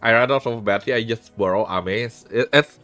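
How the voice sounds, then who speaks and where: Faint music plays behind this Indonesian streamer as he chats casually, giving candid relationship advice, swearing without restraint and restarting sentences. He talks at a normal speed in a medium-pitched, fairly bright voice.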